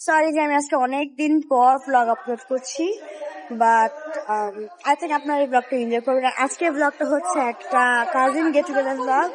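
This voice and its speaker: A woman's voice: high-pitched, normal speed. A woman, casually narrating a vlog and mixing English phrases into her talk. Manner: mixes English phrases into Bengali, chatty. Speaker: vlogger. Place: busy indoor public food court. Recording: loud crowd and noise of a busy food court.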